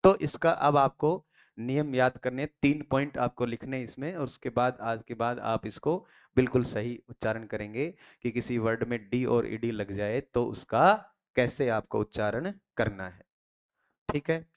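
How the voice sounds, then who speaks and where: Speaking a little slowly in a mid-range voice, an Indian English teacher lectures his class on pronunciation. He poses questions, supplies the answers himself, and has the key phrases repeated again and again.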